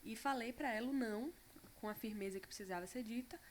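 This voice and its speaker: A woman talking in a relaxed conversation, reflective, with frequent fillers. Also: fairly high pitch, quick pace, a little hiss or hum. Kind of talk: casual conversation.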